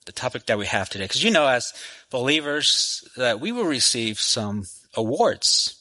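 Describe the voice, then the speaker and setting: A man's voice: medium pitch, very animated, normal speed, bright, forceful tone, low-quality recording. A man in his forties from Texas, preaching a sermon to a church congregation in a friendly, conversational way with many restarts. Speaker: guest preacher. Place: church sanctuary. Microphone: microphone.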